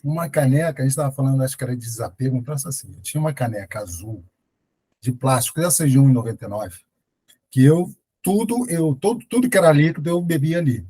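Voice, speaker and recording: A man's voice: medium pitch, quick pace, dark tone, husky, poor audio. A Brazilian man in a study group, telling a personal story with laughs and later leading a prayer. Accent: Brazilian Portuguese. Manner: laughs while telling stories.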